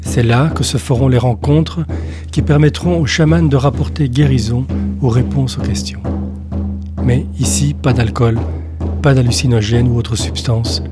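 A man giving calm, scripted documentary narration in an explanatory tone. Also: mid-range voice, normal speed. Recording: over clear music.

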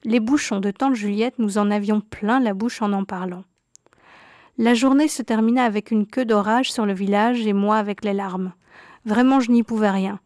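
A woman narrating a childhood memoir story in a calm, measured reading voice. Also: mid-range voice, no echo, clean studio sound.

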